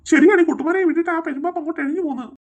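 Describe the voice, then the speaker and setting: A woman's voice: very high-pitched, rapid-fire, darkish tone, dull audio. A woman voicing a cartoon father, a policeman who panics easily. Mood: alarmed. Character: grown man, father, a policeman, easily scared. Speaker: cartoon character.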